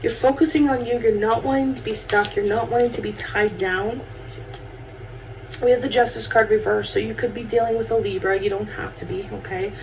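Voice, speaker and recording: Woman, casual tarot host, conversational and familiar with viewers, mid-pitched, recorded at a distance. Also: steady tone, normal speed, darkish tone. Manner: chatty, addresses viewers as friends and guys. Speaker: tarot card reader hosting a horoscope show. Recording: distant mic with faint background noise.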